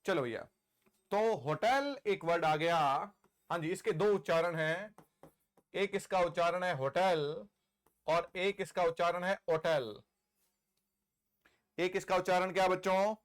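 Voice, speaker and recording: A man's voice: sits high, normal speed, clear, resonant tone. A middle-aged man with an Indian accent teaching English grammar in a live online class, pressing students for answers and praising them.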